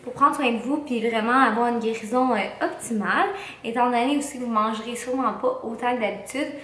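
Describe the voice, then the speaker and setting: A woman's voice: fairly high pitch, fairly quick, fairly bright tone. A young woman with a Québécois French accent chats casually in a slangy vlog style sprinkled with English words, her mouth swollen after wisdom teeth removal. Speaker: vlogger. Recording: roomy echo, faint background noise.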